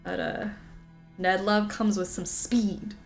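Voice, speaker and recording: A woman streaming a game, chatting casually with viewers, giggling often and apologizing in quick asides. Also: medium pitch, very animated, soft background music.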